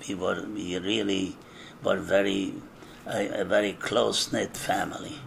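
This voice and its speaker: Older guy from eastern czechoslovakia, super slow, lots of uhs, telling his life story. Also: low-pitched, level tone, vocal fry, slight background noise. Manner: slow, measured recollection with frequent hesitations. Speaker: interviewee. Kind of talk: oral history testimony.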